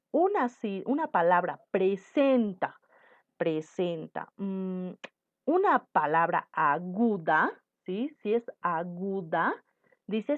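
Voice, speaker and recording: A woman's voice: mid-range voice, no room sound. A woman teacher giving a recorded lesson on poetic meter, patiently counting syllables aloud and checking in with her students. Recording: tinny phone-like, dry sound.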